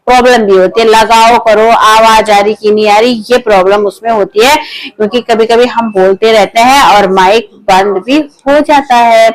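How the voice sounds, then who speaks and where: Feeling unwell and tired, this Uttarakhand woman in her thirties keeps up a casual, talkative home vlog as she moves through small rooms and her kitchen. She's loud, saying that's simply how she speaks, and her fairly high voice holds a steady tone at a moderate pace. Sound quality is low, first with a clip-on mic and later only the phone camera.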